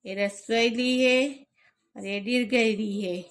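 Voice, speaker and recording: A woman's voice: a little high, fairly even intonation, slow pace. A woman teaching a spelling lesson, patiently sounding out each syllable and repeating it.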